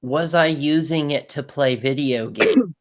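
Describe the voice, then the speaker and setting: A man's voice: fairly high pitch, measured pace. A man ranting in casual chat on a live stream, exasperated and full of "like" fillers.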